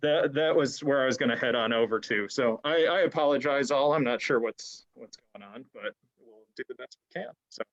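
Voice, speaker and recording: A man's voice: mid-range voice, brisk, hardly any pauses, muffled recording. Man lecturing over patchy, volume-dropping audio. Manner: stumbling restarts, easygoing. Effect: audio volume uneven, keeps dropping out. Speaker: adult education class teacher. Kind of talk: online church history lecture. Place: inside a church. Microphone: video call over church wi-fi.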